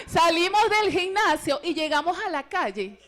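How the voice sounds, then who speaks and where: A woman giving a personal testimony at a religious retreat, telling her story in a lively way and acting out the voices of the people in it. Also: very high voice, moderate pace, some chatter behind. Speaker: retreat speaker.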